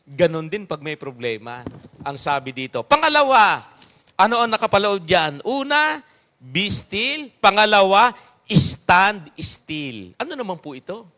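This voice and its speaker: A male pastor giving a conversational sermon, animated, chuckling and tossing rhetorical asides to his congregation. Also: sits high, normal speed.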